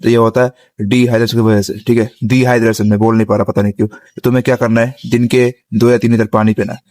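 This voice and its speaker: A man's voice: medium pitch, little pitch movement, fast, a little mellow, no echo. A young man giving a casual spoken tutorial on vocal tips, outdoors on a rooftop. He explains step by step and keeps checking in with his listeners. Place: outdoors on a rooftop, sitting on the ground.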